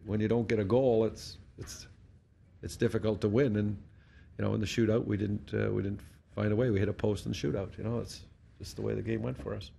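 Gravelly, low-voiced Canadian coach. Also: male voice, little pitch movement, a little fast, mellow, a little hiss or hum. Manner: blunt, matter-of-fact, restarts words often. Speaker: hockey head coach. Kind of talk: post-game press conference answers. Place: press conference room in front of a sponsor backdrop. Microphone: desk mic on a stand.

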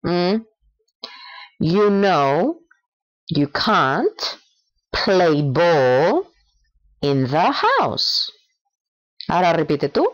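Slow-drilling woman. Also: lowish voice, big pitch swings, muffled recording. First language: Spanish. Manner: slow, exaggerated English modeling between quick instructions. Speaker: English teacher for parents. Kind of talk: bilingual language lesson.

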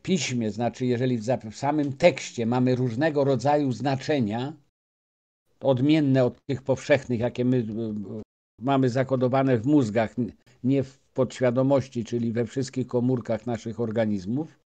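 Halting man, mellow voice. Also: medium pitch, fairly even intonation. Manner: halting, many restarts and filler sounds. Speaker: guest speaker. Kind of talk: lecture-style talk to an audience.

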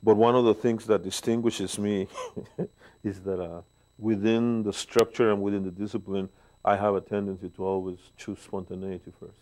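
In a rough recording, a guest bass player in his sixties talks with a Mexican Spanish accent in a very low, deep voice with a level tone. Wearing a lapel mic and sitting in a living room, he shares stories warmly during a relaxed interview, stopping on fillers as he goes.

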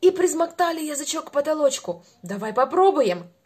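A woman in her twenties over-enunciating in an animated, sing-song, encouraging way as she leads a playful speech lesson for a small child. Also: high-pitched, brisk. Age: 20s.

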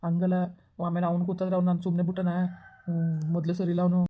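A woman's voice: lowish voice, completely flat delivery, highs cut off, natural voice. A woman playing a young man who scolds and comforts a crying friend like an older brother in a village comedy skit. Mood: scolding, reassuring. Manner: scolding yet reassuring, fast and blunt.

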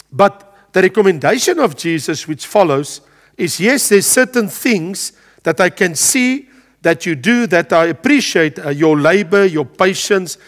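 Older guy in his 60s teaching bible study, high lively voice, lots of ums, echo trailing off. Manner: animated, gestures broadly at a pulpit, frequent filler sounds. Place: studio with a world map backdrop, standing at a lectern.

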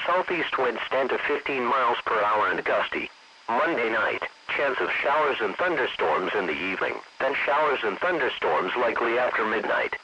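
This weather radio announcer is a man whose voice sounds synthetic, medium in pitch and sharp in tone. He reads the scripted forecast in a stiff, evenly phrased way, and the broadcast comes through muffled and noisy.

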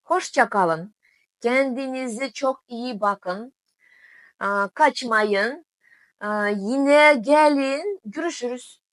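A woman with a foreign accent speaking simple, halting learner's Turkish with small grammar slips, in a casual video diary. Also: fairly high pitch, fairly bright tone, dry recording. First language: not Turkish. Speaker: vlogger.

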